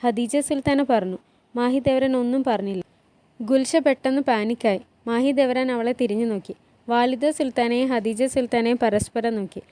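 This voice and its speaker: A woman with a slightly high, dark-toned voice retells a TV drama as a story at a normal speed, voicing every character's lines herself. Her voice rises for the cries and pleas, and the recording is dry.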